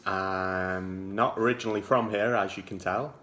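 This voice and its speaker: A man's voice: deep voice, fairly even intonation, normal speed, fairly bright tone. A man in his forties with a Liverpool-area accent, giving casual fan commentary with many ums and restarts. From England. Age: 40s. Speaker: football fan vlogger.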